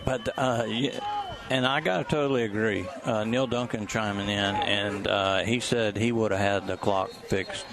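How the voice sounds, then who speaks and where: A man's voice: lowish voice, fairly even intonation, moderate pace. A man giving casual color commentary on a football game. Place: stadium press booth. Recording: crowd noise behind.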